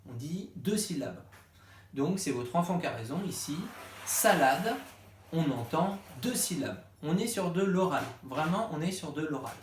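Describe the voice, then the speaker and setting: A man's voice: a little high, expressive, normal speed, slight background noise. Patient male teacher in an echoey room. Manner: patient, step-by-step, acts out asking the child. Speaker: primary school teacher. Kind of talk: explaining a home lesson to parents.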